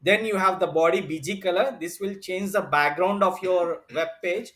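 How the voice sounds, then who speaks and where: Brief: male teacher, fairly high voice, explaining patiently step by step, lots of fillers. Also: normal speed, fairly bright tone. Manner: explains step by step, repeats himself, many fillers. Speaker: computer teacher. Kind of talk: online class lecture.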